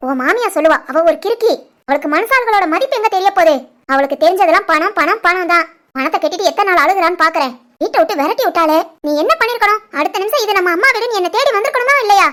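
A woman voicing a protective, fierce middle-aged mother in an animated family drama, with a stern, scolding manner and a Tirunelveli Tamil accent. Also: very high-pitched, fast talker.

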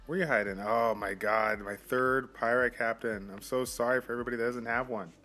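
Speaking into a phone mic, a young man with a mid-range voice reacts to his summons on his mobile game channel, breaking into quick, excited outbursts. Faint music plays behind him.

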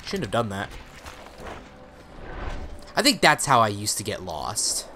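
A man's voice: on the low side, sing-song, a little slow, bright, forceful tone. A man giving casual let's play commentary, tossing sarcastic asides at the game. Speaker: gamer, let's player. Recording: clearly noisy, game ambience behind.

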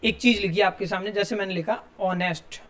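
A man's voice: high-pitched, steady tone, brisk, a bit bright. A male teacher, giving a classroom grammar lesson and explaining step by step while asking his students questions.

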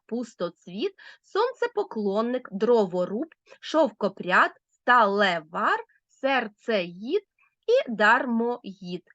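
Lively, emphatic woman teacher. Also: fairly high pitch, dry recording, highs cut off. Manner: clear, emphatic teacher's explanations addressed to the class. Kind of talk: recorded school lesson for children.

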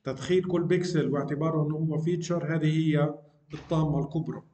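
A middle-aged man lectures at a quick clip. His voice sits a little high but has a mellow, dark color, and it rings with the echo of a roomy space. He explains patiently and keeps checking that his listeners follow. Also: steady tone. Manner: explanatory, frequent check-ins asking "okay?", mixes English technical terms. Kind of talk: university lecture on deep learning.

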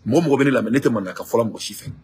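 A man's voice: mid-range voice, fast talker, darkish tone, slightly rough. A man from Mali with a Malian French accent gives an impassioned political address, repeating phrases and asking rhetorical questions as he switches between French and Bambara. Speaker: political activist.

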